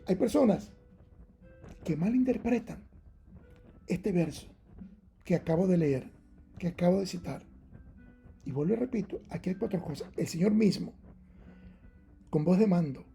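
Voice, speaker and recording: A man's voice: high voice, lively intonation, measured pace, creaky, long pauses, dark tone, soft background music. A man preaching a Bible-teaching sermon, emphatic and argumentative, repeating his key points again and again. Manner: argumentative, challenges rival readings.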